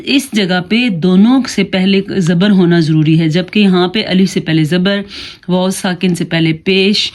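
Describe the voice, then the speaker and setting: A woman teaching beginners to read the Quran, spelling out each Arabic syllable and repeating it slowly, with quick explanations in between. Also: mid-range voice, a little mellow.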